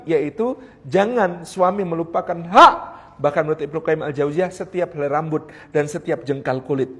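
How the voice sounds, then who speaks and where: A man's voice: a little high, breathy edge. A middle-aged man giving a joking marriage sermon, acting out husband and wife in quoted voices. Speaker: preacher.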